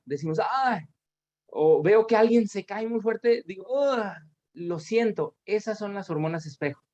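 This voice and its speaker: A man's voice: high voice, darkish tone. A man with a Mexican accent giving an academic lecture over videoconference, explaining at length with tag questions and self-corrections. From Aguascalientes, Mexico. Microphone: video call. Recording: dull lo-fi video call audio.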